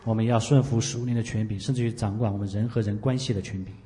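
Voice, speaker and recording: A man interpreting a sermon live, talking quickly with frequent "ah" fillers. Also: lowish voice, steady tone, dark tone. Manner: rapid, with frequent "ah" fillers and restarts. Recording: echoey hall with long reverb.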